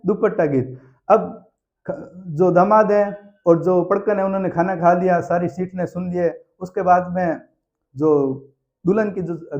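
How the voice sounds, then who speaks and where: A male teacher with a high, mellow voice tells a lively story to make exam facts stick. He repeats the key answers like a drill. The recording sounds a little dull and lo-fi. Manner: animated storyteller who acts out aunts and sings snatches of songs. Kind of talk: exam-prep lesson with storytelling.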